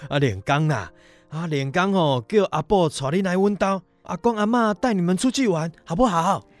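A woman's voice: fairly low pitch, lively intonation, no echo, soft background music, close to an everyday voice. A woman doing a jolly old Taiwanese grandma. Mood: jolly, coaxing. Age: older. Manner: rapid, chuckling folksy chatter.

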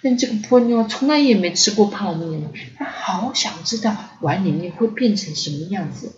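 A woman's voice: medium pitch, moderate pace, background noise. Woman reading a kids story, sing-songy and chatty, bit muffled audio. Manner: animated, sing-song, chatty asides. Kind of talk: children's story narration. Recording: slightly dull lo-fi audio.

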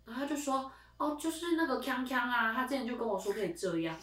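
A young woman chats and teases as a podcast co-host. Her voice is bright and a little high. She sits somewhat away from the mic, and the room rings with echo. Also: lively intonation, fast, distant mic. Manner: teasing, chatty storyteller. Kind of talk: casual chat.

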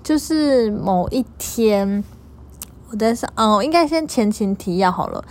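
A woman's voice: medium pitch, measured pace. Chatty young woman. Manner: chatty, animated, repeats herself for emphasis. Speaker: store clerk and vlogger. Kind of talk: casual storytelling to followers.

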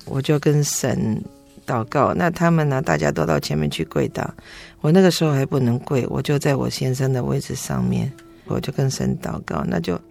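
A middle-aged woman earnestly telling her faith testimony as an interview guest, emotional and halting with frequent restarts. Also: rumbling low, gravelly, darkish tone.

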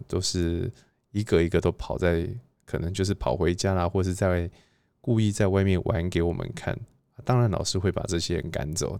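Deep-voiced man giving a devotional talk. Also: creaky, warm tone, smooth, no room sound. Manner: halting, with frequent filler pauses. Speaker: preacher. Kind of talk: devotional Bible reading talk.

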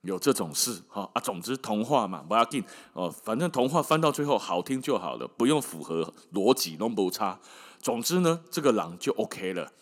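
A man's voice: lowish voice, sing-song, normal speed. A man with a Taiwanese Mandarin accent retelling a fairy tale casually as a podcast host, dropping in joking asides and Hokkien words.

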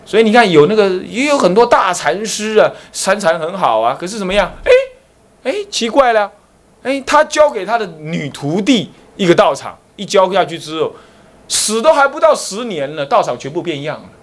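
A man's voice: high voice, normal speed. A man with a Taiwanese Mandarin accent, a Buddhist abbot giving a dharma lecture and acting out the dialogue in his stories. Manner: animated storytelling, acting out dialogue between characters. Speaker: Buddhist abbot teaching a class.

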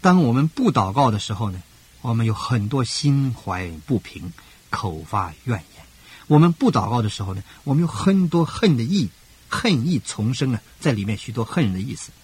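An older man preaching a radio sermon as pastor, emphatic, with rhythmic parallel phrasing and sudden rises in pitch. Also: very animated, normal speed, a little mellow, breathy edge, no echo.

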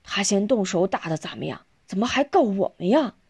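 A woman's voice: mid-range voice, moderate pace, breathy edge. A woman voicing an earnest older man. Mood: startled. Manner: earnest, steady reasoning.

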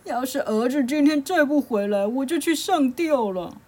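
A woman's voice: high voice, lively intonation, moderate pace, mellow, pitched above the performer's own voice. A woman voicing a fretful pig-spirit father, the pig king of a storybook tale. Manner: despairing. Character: gloomy fretting pig father.

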